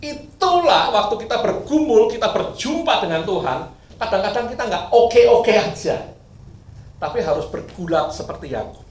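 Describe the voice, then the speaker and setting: Animated preacher in an echoing church hall. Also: male voice, high-pitched, moderate pace, slight background noise. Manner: lively, swings from loud bursts to quiet asides, sings briefly. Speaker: pastor. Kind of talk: sermon. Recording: echoey hall, mic at a distance.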